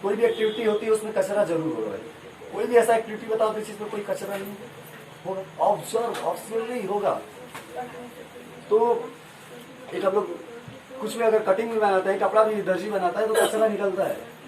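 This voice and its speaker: In a noisy, echoey classroom recorded from a distance, a male science teacher with a high-pitched voice speaks at a normal speed with frequent pauses amid crowd noise. He asks questions, gets the class to repeat answers back, and draws on homely examples.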